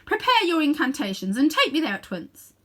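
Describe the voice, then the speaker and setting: A woman's voice: sits high, very animated, a little fast, bright, forceful tone, voice pushed up, exaggerated voice. A woman reading a storybook as an imperious, pompous evil witch queen who commands with grand contempt. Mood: contemptuous.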